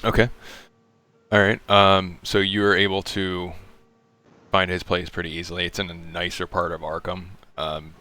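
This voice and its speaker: A man's voice: deep voice, little pitch movement, normal speed, bright, forceful tone, dry recording. A man narrating as game master in a tabletop game, laid-back and full of fillers. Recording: faint piano music behind.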